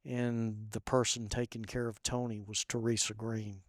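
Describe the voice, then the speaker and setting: Soft-spoken man telling a personal story. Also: fairly low pitch, level tone, no echo, studio quality. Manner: soft-spoken and halting, with many fillers. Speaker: podcast guest.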